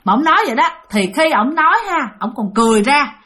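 A woman's voice: high voice, expressive, quick pace, bright, forceful tone. A woman with a Southern Vietnamese accent narrating a ghost story, chatty and talking straight to her listeners. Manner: chatty, addresses listeners directly.

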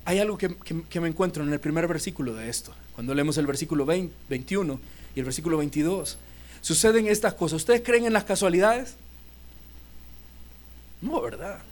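A man's voice: on the high side, brisk. Fields: Role: pastor. Sex: man. Style: vivid storytelling sermon. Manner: storytelling, acting out scenes and questioning the congregation. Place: church.

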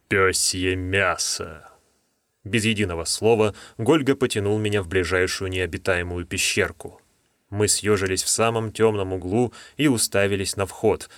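A man's voice: deep voice, no room sound. Male audiobook narrator, dry close sound. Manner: measured storytelling.

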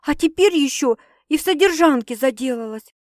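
A woman's voice: sits high, expressive, normal speed, no echo, clean studio sound, voice pushed up. A woman reading an audiobook voices Sasha, a rattled young woman, with exasperated, sardonic and swearing retorts.

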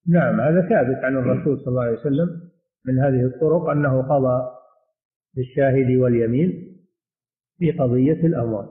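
A man teaching a religious lesson and answering questions, speaking in a measured way and often repeating his phrases. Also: medium pitch. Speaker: sheikh teaching hadith commentary. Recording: echoey room over a tinny phone-like line.

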